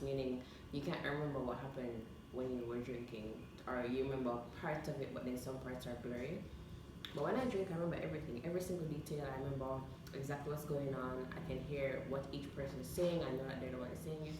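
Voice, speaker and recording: Young woman, low pitch, casual vlog chat, very echoey room, noisy. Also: fairly quick. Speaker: vlog host. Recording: echoey room, distant mic, clear noise.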